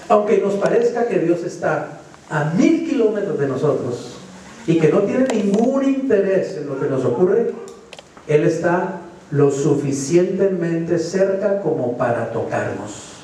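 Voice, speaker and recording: Colombian pastor preaching in an echoey hall. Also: male voice, high voice, expressive, measured pace, mellow, slight background noise. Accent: Colombian Spanish. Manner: preaching with rhetorical questions to the congregation. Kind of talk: sermon. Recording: echoey church hall from far off.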